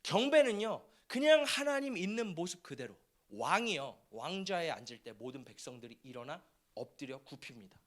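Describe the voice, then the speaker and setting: A male pastor preaching a fervent sermon in a church sanctuary, often breaking into shouts. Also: fairly high pitch, big pitch swings, normal speed.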